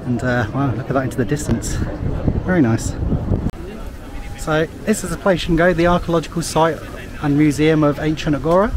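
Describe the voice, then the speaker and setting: An English travel vlogger walks busy city streets, chatting casually to a handheld camera held at arm's length and rambling with plenty of fillers. His voice is fairly high and brisk. The outdoor recording is noisy, with street ambience, traffic and a crowd in the background.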